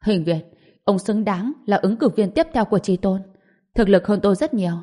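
A woman's voice: medium pitch, normal speed, mellow, lightly acted. A woman reading the lines of a badly wounded old grandfather who heads his clan, stern and defiant.

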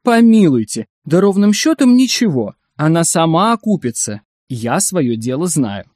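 A man voicing a smug, brisk male biographer in a story reading, lifting his pitch a little. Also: sing-song, a little mellow, no room sound, clean studio sound. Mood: persuasive. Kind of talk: audiobook character reading.

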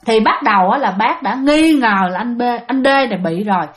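A woman's voice: a little high, animated, fairly quick. A woman telling a ghost story in a chatty way, often addressing her listeners directly.

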